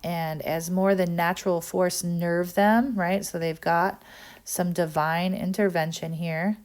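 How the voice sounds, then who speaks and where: A woman teacher explaining a text in a recorded lesson, often pausing with "um" and checking in with "right?". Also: on the low side, fairly even intonation.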